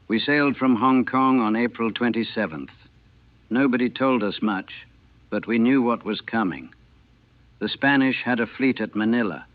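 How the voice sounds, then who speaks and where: In a mid-range voice, a man in his sixties, once in the navy, gives a matter-of-fact first-person memory of a battle. The old 1940 recording sounds thin, dry and phone-like, with no room sound.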